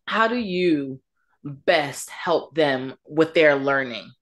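A woman's voice: low voice, animated, slow pace. Enthusiastic woman podcast host. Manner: warmly affirming, enthusiastic interviewer. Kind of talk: podcast interview over video call.

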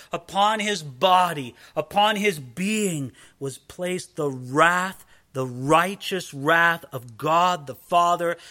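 A man preaching an expository sermon. He repeats phrases for emphasis and slows down to stress key words. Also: fairly high pitch, sharp tone. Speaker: pastor.

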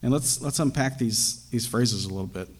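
A young man preaches a sermon in a relaxed, halting way. He often restarts his phrases and fills pauses as he goes. His voice sits at an ordinary middle pitch. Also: breathy edge. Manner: halting, with many fillers and restarts.

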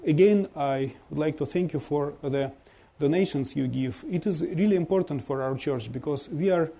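Halting Russian-accented man, mellow voice. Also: on the high side, creaky. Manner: halting, searching for words in non-native English. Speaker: bishop giving a guest presentation. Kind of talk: informal slideshow talk to an audience.

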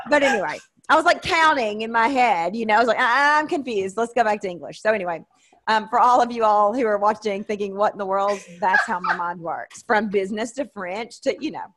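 A woman hosting a casual interview, effusive in her talk and quick to joke about herself. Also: medium pitch, noisy background. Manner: effusive, self-joking. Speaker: show host.

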